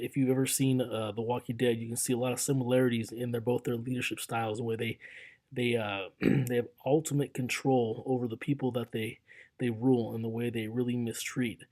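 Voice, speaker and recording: Young guy teaching history off slides, laid-back chatty, kinda mellow voice. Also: mid-range voice, level tone, brisk. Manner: casual, conversational, with fillers and restarts. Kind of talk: classroom lecture over slides.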